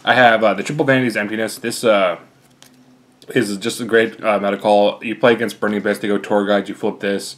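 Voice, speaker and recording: A man's voice: lowish voice, steady tone, fairly quick. Slightly winded man rambling through his deck. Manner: rambling, many fillers. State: out of breath. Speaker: card game player. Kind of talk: casual deck walkthrough.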